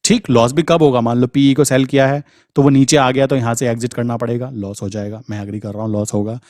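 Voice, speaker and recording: A man's voice: medium pitch, fairly even intonation, fast talker, a little mellow, dry recording. Chatty man teaching trading, dry sound. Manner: conversational, addresses viewers as brother, frequent "thik". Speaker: trading educator. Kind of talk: casual screen-share trading lesson.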